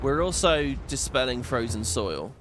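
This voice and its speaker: This game streamer has a mid-range, slightly bright voice with lively intonation and an unhurried pace. He gives casual, opinionated commentary on his gameplay and swears freely, with game music playing behind him.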